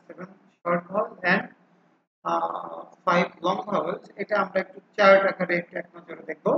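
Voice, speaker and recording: A man's voice: high-pitched, vocal fry, a bit bright. A man teaching phonics, explaining each vowel and repeating the sounds over and over for drill, with English terms mixed in. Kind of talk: explaining a lesson. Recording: echoey room, dull lo-fi sound.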